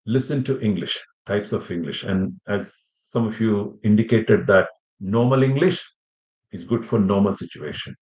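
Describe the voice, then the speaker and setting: Low-voiced man teaching in a roomy space. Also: a little mellow. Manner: conversational, rambling, many "you know" asides. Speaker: IELTS teacher. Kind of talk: informal lecture to students. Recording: roomy, slightly dull audio.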